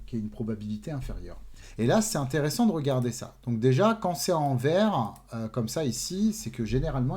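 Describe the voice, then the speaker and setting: A man's voice: mid-range voice, warm tone. A man hosting a screen-share tech tutorial, explaining step by step, addressing viewers directly with frequent fillers. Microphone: desk mic with webcam.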